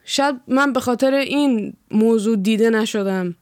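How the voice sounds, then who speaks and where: A young woman from Iran speaks her mind in a blunt, profane, animated rant. Her voice is smooth and clear, and the recording is dry and close, with no room sound. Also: fairly high pitch, no room sound. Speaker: vlogger. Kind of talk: casual chat.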